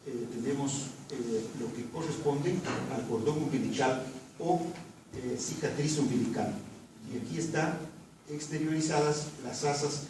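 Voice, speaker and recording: A man's voice: medium pitch, measured pace. A man teaching an embryology lab, quizzing students by repeating the same question again and again. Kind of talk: classroom lecture with questioning. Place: large echoey lab classroom. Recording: echoey classroom from far off, background noise.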